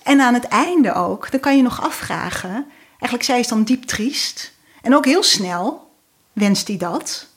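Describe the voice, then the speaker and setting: A woman guest telling a fairy tale in a relaxed, hesitant way with many fillers. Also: fairly high pitch, unhurried. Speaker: guest storyteller.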